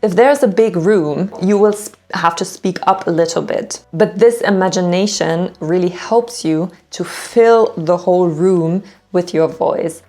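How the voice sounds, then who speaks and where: A woman giving an instructional talk to camera as a public speaking coach, with clear, direct, deliberate delivery and emphatic phrasing. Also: on the low side, mellow.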